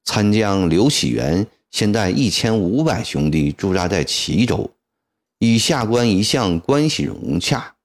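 A fussy, long-winded civil official, as a male storyteller puts him on, wordy and politely deferential. The pitch rises and falls widely at a slow pace. Told as a spoken storybook. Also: very animated, exaggerated voice. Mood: persuasive.

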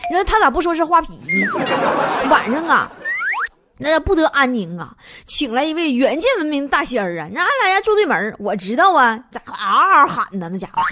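A woman's voice: sits high, noisy background. A woman with a Northeastern Mandarin accent giving a playful comic monologue as host, laughing often. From Northeast China. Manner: playful storytelling, frequent laughter. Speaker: comedy show host.

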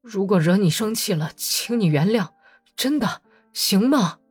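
A woman's voice: lowish voice, very animated, normal speed, breathy edge, faint music behind. A woman reading an audiobook voices a strong young Cossack man who speaks in a tense, pressing way. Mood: pleading.

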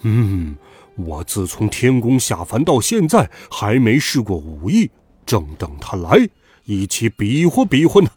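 A man doing a gruff sneering demon king. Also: on the low side, very animated, measured pace, darkish tone, no room sound, voice pushed down, exaggerated voice. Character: arrogant male ox demon king, scornful.

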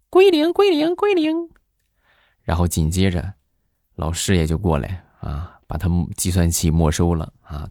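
A middle-aged man hosts a joke show, delivering funny stories as a monologue and acting out the voices of the characters like an animated storyteller. His voice is low, and the studio-quality recording has no echo.

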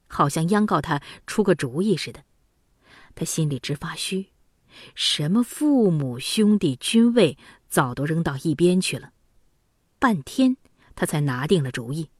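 Expressive woman storyteller, lively pitch. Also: moderate pace, dry recording, clean studio sound. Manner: expressive, dramatic. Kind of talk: children's story narration.

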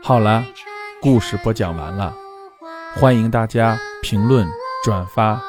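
A man narrating a ghost story in a dramatic, expressive way. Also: fairly low pitch, measured pace, music in the background.

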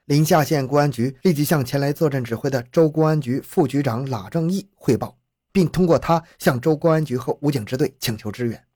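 A man reading a true-crime story as narrator in a steady storytelling delivery. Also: medium pitch, a little fast, breathy edge, no room sound, clean studio sound.

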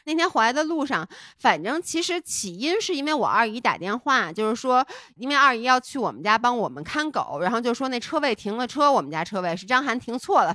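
A woman's voice: fairly high pitch, sharp tone, no room sound, clean studio sound. A woman co-hosting a podcast, telling a personal story in a candid, rambling, heartfelt way. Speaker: podcast co-host.

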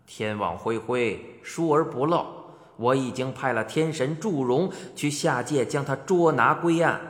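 A storyteller voicing a calm, wise male heavenly emperor in an audiobook, speaking slowly and evenly. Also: mid-range voice, roomy sound, in a large hall, voice pushed down, lightly acted. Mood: calm stern. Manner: slow, measured, level-headed.

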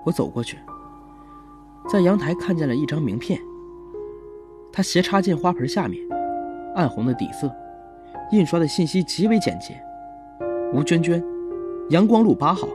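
A man voicing a young police officer who tells his story in a calm, gentle, measured first-person narration for an audio drama. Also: fairly high pitch, music in the background, natural voice.

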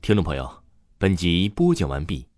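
A man's voice: low-pitched, wildly swooping pitch, moderate pace, no room sound, clean studio sound. A man narrating an audiobook with dramatic storytelling. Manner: dramatic storytelling, voices all roles. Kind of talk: scripted narration. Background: soft background music.

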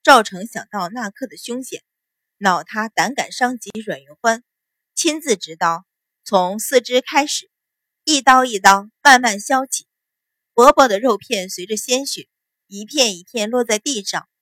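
A woman's voice: fairly high pitch, expressive, measured pace, fairly bright tone, no room sound. Woman narrating a novel, dry close sound. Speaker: audiobook narrator.

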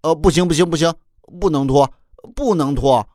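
A man's voice: mid-range voice, very animated, measured pace, no room sound, studio quality, voice pushed up. A man doing a bashful little boy. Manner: stammering and embarrassed. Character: shy, bashful young boy.

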